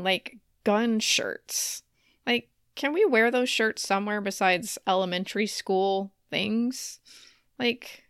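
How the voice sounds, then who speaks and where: A woman in her thirties co-hosts a podcast, chatting casually and telling stories with wry humor and frequent laughter. Her slightly high voice is clear and resonant, recorded in clean studio sound with no echo.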